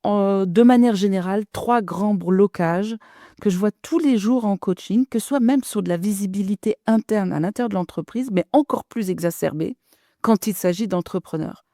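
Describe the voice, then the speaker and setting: A woman's voice: mid-range voice, moderate pace, mellow, no echo, studio quality. A middle-aged woman business coach talking to listeners in a direct, chatty podcast monologue.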